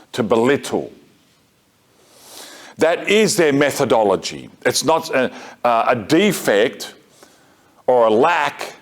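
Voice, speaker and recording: A middle-aged man gives a talk to a parish group, moving between points of argument and stories from his own life. His delivery is conversational and unpolished, full of restarts and self-corrections, with dry, wry asides. His voice sits at an ordinary middle pitch for a man. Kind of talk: lecture mixed with personal anecdote. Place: parish gathering room.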